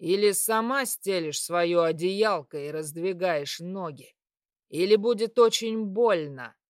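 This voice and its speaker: A woman voicing a brutish male satyr who talks in a crude, mocking, threatening way, lower and louder than her own voice. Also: unhurried, dry recording, clean studio sound, lightly acted. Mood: taunting menace. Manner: crude, taunting, hissing.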